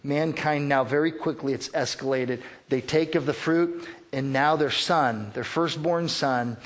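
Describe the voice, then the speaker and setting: A man with a somewhat higher voice preaches a sermon. He speaks earnestly and sometimes repeats a word while he searches for the next thought. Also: measured pace. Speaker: pastor.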